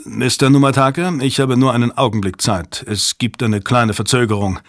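A male audiobook reader voicing a hurried American conspirator who speaks calmly about killing. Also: medium pitch, no room sound, studio quality, close to an everyday voice. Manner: rushed, calmly threatening.

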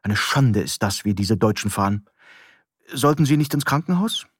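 A man's voice: lowish voice, lively intonation, moderate pace, slightly rough, no echo, clean studio sound. A man reading an audiobook, voicing an impatient woman who talks curtly and bitingly. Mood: sharp. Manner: curt, biting. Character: sharp, impatient woman, quick to scold.

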